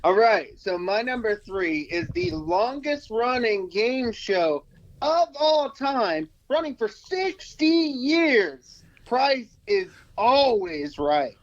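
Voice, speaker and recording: A man's voice: very high voice, very animated, takes it slowly, muffled recording. A man co-hosting a casual podcast, mostly giving short, blunt replies. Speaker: podcast co-host. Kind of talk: casual chat.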